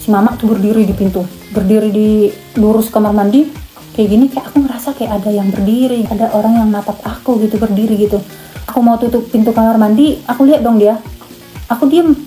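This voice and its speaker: A woman's voice: mid-range voice, steady tone, fast, dark tone, faint music behind, poor audio. A young woman from Indonesia telling a personal story in a casual, emotional vlog, repeating herself as she goes. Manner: emotional, repetitive, chatty. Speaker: vlogger.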